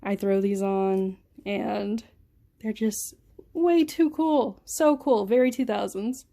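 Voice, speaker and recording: A young woman vlogging as she unboxes shoes, gushing and giggly, breathless with excitement. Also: mid-range voice, takes it slowly, gravelly. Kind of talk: casual unboxing vlog.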